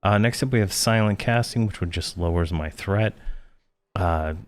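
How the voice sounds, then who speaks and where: A man's voice: sits low, normal speed. A man giving casual gameplay commentary, thinking aloud with many fillers, tired and yawning. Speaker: game guide creator.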